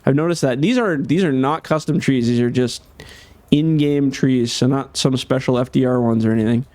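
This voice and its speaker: A man giving casual gameplay commentary as a game modder, chatty and thinking aloud with many fillers, slightly hoarse. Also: medium pitch, moderate pace, a little mellow, no echo.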